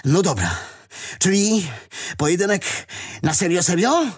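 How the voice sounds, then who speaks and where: A man's voice: fairly high pitch, very animated, normal speed, husky, voice pushed up, exaggerated voice. A man voicing a playful, teasing young male cadet in a wrestling match, read in an audiobook. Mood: surprised.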